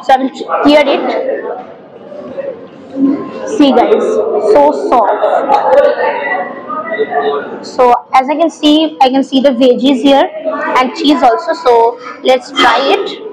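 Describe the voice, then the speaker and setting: A woman's voice: high-pitched, fairly even intonation, slow pace, pauses often, rough recording. A young woman from India with a Bengali accent, reviewing dishes in a casual food vlog, eager and full of short exclamations as she tastes. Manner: enthusiastic, short exclamations while tasting. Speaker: food vlogger. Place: busy restaurant, indoors. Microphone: clip-on lapel mic. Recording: crowd noise in a busy restaurant. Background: restaurant crowd chatter.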